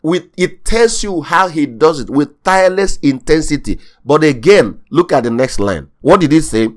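A man's voice: on the high side, animated, moderate pace. A male pastor delivering a sermon in an emphatic style. He drives his points home by repeating key phrases, and his voice swells in sudden surges of intensity.

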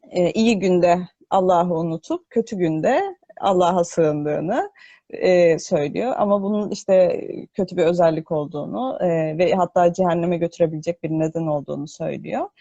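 A woman explaining scripture in an unscripted religious talk, hesitant and pausing to think as she explains, with her voice echoing. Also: fairly low pitch, dark tone. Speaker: host of a religious discussion broadcast. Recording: echoing voice, muffled online audio.

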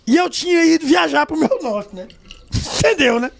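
Animated, gravelly middle-aged man. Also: very high voice, normal speed. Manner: loud, animated, laughing storyteller. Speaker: podcast guest, journalist. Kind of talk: casual storytelling chat.

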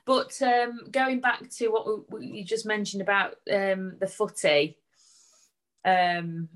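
A woman's voice: mid-range voice, steady tone, takes it slowly. A woman chatting casually as co-host, rambling into anecdotes. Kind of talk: casual chat.

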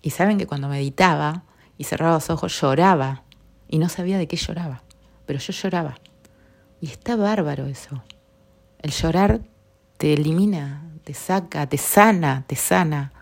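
In a low, creaky voice at normal speed, a middle-aged Rioplatense Spanish-accented woman hosts a podcast of reflective personal talk. She sounds earnest, and her words often fade to nearly a whisper.

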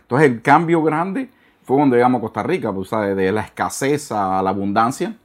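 A middle-aged man with a Cuban Spanish accent speaks as a guest in a relaxed interview. His voice sits at an ordinary pitch, and he talks sincerely, circling back over his words as he searches for the right one. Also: moderate pace. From Cuba. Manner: earnest, searches for words, repeats himself. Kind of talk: casual conversational interview.

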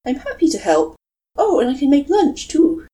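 A woman's voice: high voice, wildly swooping pitch, normal speed, dark tone, voice pushed up. A woman voicing a dramatic, gallant young man who talks in flowery, grandiose phrases.

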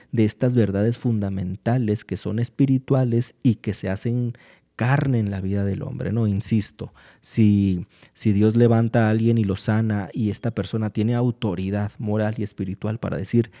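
A man talks through his points in a calm, explanatory way, pausing often with fillers. His voice sits low and has a deep, mellow warmth. He sounds like a guest in an unhurried conversation about faith. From Mexico. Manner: measured, explanatory, pauses with fillers. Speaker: guest speaker.

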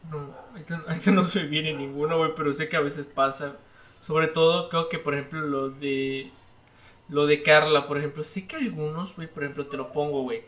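A man's voice: fairly high pitch, a bit bright, far from the mic. A man with a Mexican accent, co-hosting a casual chat, slangy and joking. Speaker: podcast co-host. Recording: echoey room, off-mic.

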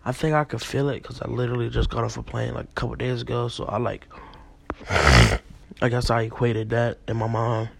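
Young male podcast host, husky and a bit sick, rambling and profane. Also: mid-range voice, moderate pace. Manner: rambling, profane, many fillers. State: a little sick. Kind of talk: casual dream recounting monologue.

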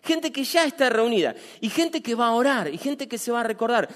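A man with a Rioplatense Spanish accent preaching a sermon as a pastor, animated and repeating phrases for emphasis. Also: extremely high pitch, brisk, in a large hall. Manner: animated, acts out quoted dialogue, repeats phrases.

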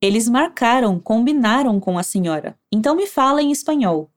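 A woman with a Brazilian Portuguese accent teaching Spanish, giving clear, encouraging instructions and modeling phrases slowly for the listener to repeat. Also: fairly high pitch, lively intonation. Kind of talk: language lesson narration with repeat drills.

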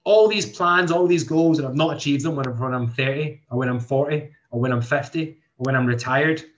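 A man's voice: mid-range voice, fairly quick, a little hiss or hum. Earnest young man, muffled. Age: 20s. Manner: earnest, thinks aloud with many restarts. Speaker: podcast host and coach. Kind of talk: motivational podcast talk. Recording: dull lo-fi sound.

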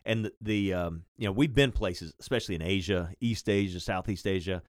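A man hosting a podcast interview, relaxed and hesitant, with many fillers and restarts. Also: low voice, fairly quick, no room sound, studio quality. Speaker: podcast host. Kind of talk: conversational interview.

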